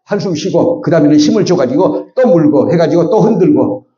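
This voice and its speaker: A middle-aged pastor tells a lively sermon story and acts out the people in it. His voice sits a little high but sounds mellow. It rings through an echoey church on a somewhat dull recording. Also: fairly quick. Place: church sanctuary.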